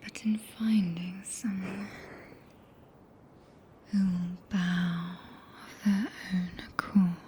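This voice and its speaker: Woman playing Ranni, a very slow whispering British witch. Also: on the low side, steady tone, slight background noise. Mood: solemn, devoted. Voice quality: breathy whisper. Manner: slow, hushed, intimate, solemn. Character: tender, possessive, regal witch woman, softly devoted. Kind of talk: whispered ASMR roleplay, archaic scripted speech. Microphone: close binaural microphone.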